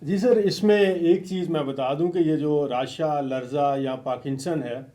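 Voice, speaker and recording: Guy w a mellow higher voice, guest explaining health stuff, polite. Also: a little slow. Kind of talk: casual health talk.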